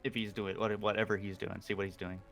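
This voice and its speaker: A man's voice: fairly low pitch, flat delivery, fast talker, creaky, a bit bright. A man playing a tabletop game, casual and muttering his moves. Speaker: player.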